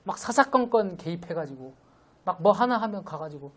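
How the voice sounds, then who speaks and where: A young man giving a conversational midweek sermon, gently teasing and explaining scripture to his congregation. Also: high voice, lively intonation, fairly quick. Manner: conversational, gently teasing, acts out quoted voices. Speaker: preacher.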